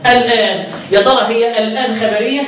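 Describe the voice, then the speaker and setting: A man with a fairly high voice and an Egyptian accent, teaching as a sheikh of Quran recitation. He chants lines of verse slowly, then explains them in a quick colloquial way, asking his listeners questions as he goes. His voice rings through a very echoey room from a mic set well back. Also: fairly bright tone, distant mic, a little hiss or hum. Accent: Egyptian Arabic. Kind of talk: religious lesson explaining a chanted poem.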